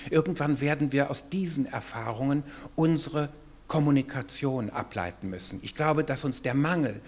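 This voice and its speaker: A middle-aged man giving a measured, reflective acceptance speech at a lectern in a hotel ballroom. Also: mid-range voice, a little mellow. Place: hotel ballroom with seated audience.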